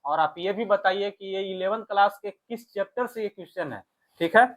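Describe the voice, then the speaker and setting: A male maths teacher with a high-pitched voice walks viewers through worked exam questions step by step at normal speed. He keeps checking that listeners follow, using short tag questions.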